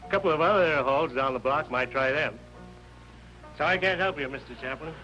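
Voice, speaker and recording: A man's voice: fairly high pitch, fairly quick, close to an everyday voice. An actor playing a blunt, folksy old male doorman of a rehearsal hall in a 1950s TV drama. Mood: brusque. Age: older. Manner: folksy, blunt working-class talk. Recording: dull lo-fi 1950s TV soundtrack with music.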